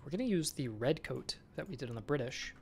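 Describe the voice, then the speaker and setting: A man's voice: medium pitch, expressive, fast talker, gravelly, a little hiss or hum. A man streaming as a game developer, chatting casually with viewers and thinking aloud while he works. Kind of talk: casual live-stream chat while working.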